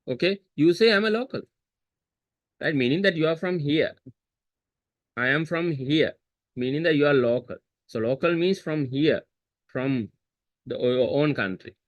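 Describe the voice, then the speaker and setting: A man's voice: fairly high pitch, a bit bright, dry recording. A man teaching a history seminar over a video call, repeating key terms and quizzing students with chatty asides. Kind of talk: online seminar lesson. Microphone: computer mic on video call.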